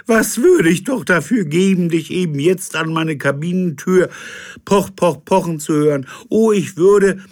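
A man's voice: high voice, unhurried, voice pushed up. A man voicing a drunken, hysterical old sea captain in a storybook, wailing theatrical outbursts. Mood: overwrought.

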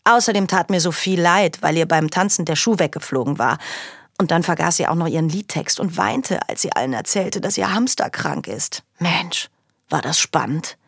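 A woman's voice: on the low side, expressive, moderate pace, gravelly, no room sound, studio quality. A woman narrating a children's audiobook in a chatty first-person girl's voice. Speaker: audiobook reader.

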